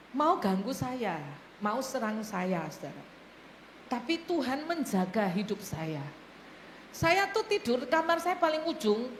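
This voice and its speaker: A woman pastor preaching a sermon, telling stories in an animated way and often laughing as she addresses the congregation. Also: high-pitched. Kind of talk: sermon with storytelling. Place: church hall. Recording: echoey church hall, faint noise.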